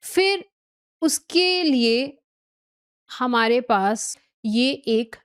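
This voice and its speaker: A woman's voice: on the high side, expressive, very slow, smooth. A woman teaching a recorded tech lecture, explaining step by step, mixing in English technical terms and often checking that listeners follow.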